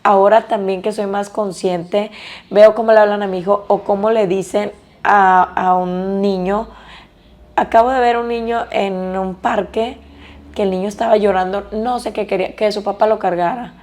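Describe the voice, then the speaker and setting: A woman's voice: medium pitch, fairly even intonation, normal speed, darkish tone. A woman in her thirties hosting a casual podcast interview, talking in an empathetic, conversational way. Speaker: podcast host.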